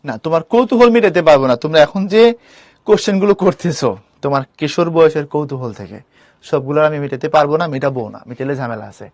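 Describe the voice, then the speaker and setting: A man's voice: a little high, expressive, fast talker, a little mellow, no echo. A man teaching a live online class, explaining patiently and putting questions to his students.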